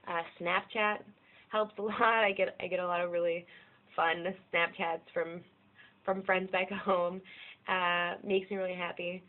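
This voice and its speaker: Speaking a little slowly in a low-ish voice with little pitch movement, an American vlogger in her youth rambles candidly about her life, self-deprecating and swearing freely. It's a casual personal monologue recorded in tinny, lo-fi, narrow-band sound.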